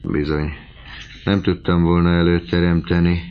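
A man's voice: low-pitched, flat delivery, slight background noise, lightly acted. A man voicing an old doting father who pleads and bursts out vehemently. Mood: desperate. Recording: slightly muffled lo-fi recording.

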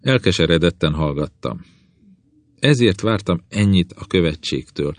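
A man with a very deep voice reads a novel aloud in the first person, his telling measured and even. The sound is dry and close, with no room around it. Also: no echo. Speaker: audiobook narrator.

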